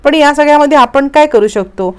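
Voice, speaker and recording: A woman reading a calm, caring father. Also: high-pitched, brisk, voice pushed up, natural voice. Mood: gentle. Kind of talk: read-out dialogue in a story recap.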